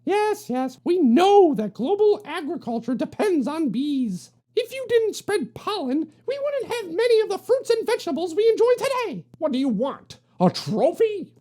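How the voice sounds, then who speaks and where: A woman's voice: very high-pitched, big pitch swings, normal speed, few pauses, mellow, voice pushed up. A woman voicing a small, indignant, sarcastic badger spy in an exclamatory comic storybook read-aloud.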